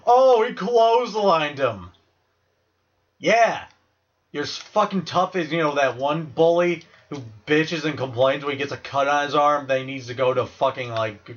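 A man's voice: on the high side, unhurried, a bit bright, lo-fi sound. Foul-mouthed sarcastic gamer man. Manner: profane, rambling, sarcastic. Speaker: let's play gamer. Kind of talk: casual crude gameplay commentary.

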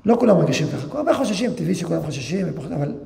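A man's voice: a little high, vocal fry. A man, a yeshiva rabbi, telling stories in a memorial eulogy and acting out the dialogue. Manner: storytelling, reenacts dialogue in lively voices.

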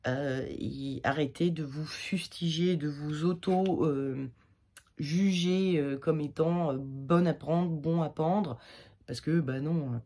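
A woman's voice: sits low, takes it slowly, mellow, husky. A woman giving a casual weekly tarot reading, chatty and rambling with many fillers, her throat slightly irritated. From France. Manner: jokey, laughs at her own slips. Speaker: tarot reader.

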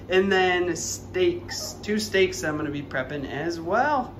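A man's voice: high voice, animated, takes it slowly, fairly bright tone, slight background noise. A young man vlogging at home, chatting upbeat and directly to his viewers. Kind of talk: casual chat to camera. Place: home, indoors, living room and kitchen.

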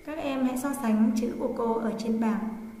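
A woman schoolteacher with a slightly high voice is dictating for writing practice. She goes slowly, phrase by phrase, and repeats herself. The recording is very echoey, with faint noise behind her. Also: mellow. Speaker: primary school teacher. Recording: echoey, reverberant room with background noise.

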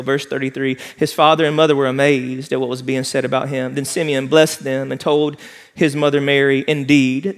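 A medium-pitched male voice with noticeable vocal fry. The speaker is a pastor moving about the stage of a large church auditorium, preaching an impassioned, emphatic sermon.

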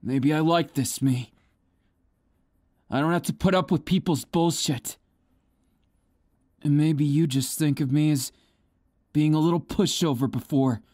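A man's voice: a little high, a little slow, pauses often, darkish tone, no echo, studio quality, lightly acted. A man voicing a cocky, villainous teenage boy in a fan audio drama, taunting and menacing, at times stammering as he feigns nerves. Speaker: voice actor.

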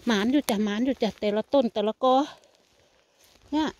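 A woman's voice: fairly high pitch, a little fast, darkish tone. An older woman with an Isan Thai accent chats casually to viewers while picking berries in a forest, calling them family. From Thailand. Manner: chatty, addresses viewers as family. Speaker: vlogger. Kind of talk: casual chat while foraging. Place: outdoors in a forest. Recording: faint outdoor noise.

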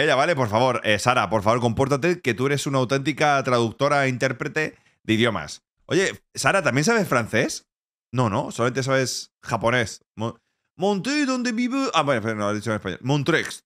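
A man's voice: mid-range voice, fairly bright tone. A man from Spain streaming live, chatting casually and joking, with playful mock-French and bits of other languages. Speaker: Twitch streamer.

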